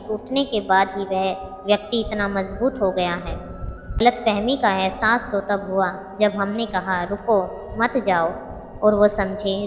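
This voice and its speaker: A woman reading short motivational sayings as scripted narration, in a measured, reflective way. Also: medium pitch. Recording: long reverb with background music.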